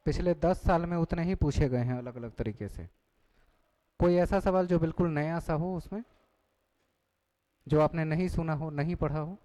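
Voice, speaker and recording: Guy teaching an exam prep class, high-ish voice, keeps asking the students stuff and repeating it. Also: moderate pace, pauses often, dark tone, low-quality recording. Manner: questioning the class, repeating key points.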